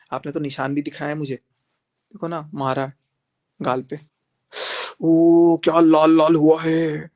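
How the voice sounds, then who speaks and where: A young man on a live stream, speaking defiantly and confrontationally, repeating phrases for emphasis as he challenges his critics. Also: medium pitch. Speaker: social media creator on a live stream. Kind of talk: heated live-stream monologue.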